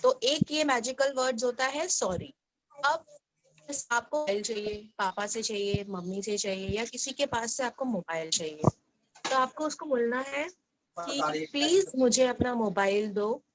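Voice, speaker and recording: A woman teacher giving an online lesson to young children, explaining gently and asking them questions. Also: on the high side, a little slow, rough recording. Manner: acts out short dialogue lines.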